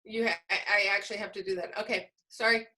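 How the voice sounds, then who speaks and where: Here a woman speaks quickly in a mid-range voice with fairly even intonation and a sharp edge. As a trainer in an online video meeting, picked up by the call's microphone, she talks informally to teachers, explaining points and asking questions she answers herself.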